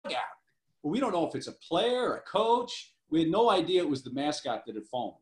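A man's voice: fairly high pitch, big pitch swings, brisk, a little mellow, echoey room. A man telling a casual, rambling anecdote about his broadcasting days, acting out the voices of the people in it. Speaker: former minor league baseball broadcaster. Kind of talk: casual storytelling.

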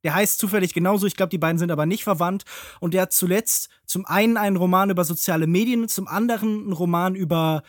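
A man's voice: high voice, fast, dry recording. Male podcast critic: intellectual, elaborate phrasing, analytical, dry close recording. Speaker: film podcast panelist. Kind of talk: analytical film discussion.

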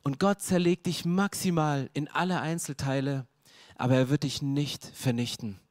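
A man's voice: a little high, fairly even intonation, moderate pace, darkish tone, no echo, clean studio sound. A male preacher delivering an emphatic sermon in a casual, slangy way, speaking straight to the listener.

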